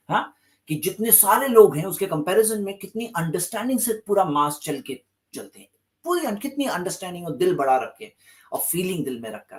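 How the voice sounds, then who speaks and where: A man giving a religious lecture, emphatic and repeating key phrases for stress, with English terms mixed into his speech. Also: on the high side. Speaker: Islamic lecturer.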